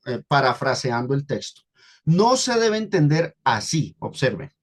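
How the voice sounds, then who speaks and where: A man with a Colombian accent preaching a Bible study sermon to a congregation, explaining word by word and repeating key phrases for emphasis. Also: fairly high pitch. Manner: teaching, addresses congregation as brothers, repeats and stresses key words.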